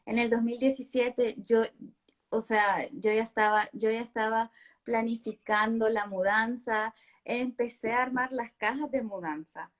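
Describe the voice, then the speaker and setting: A woman from Honduras, in her thirties, talks through a conversational interview with a slightly high voice. She is emphatic and stacks repeated words for stress. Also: steady tone, measured pace. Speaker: interview guest.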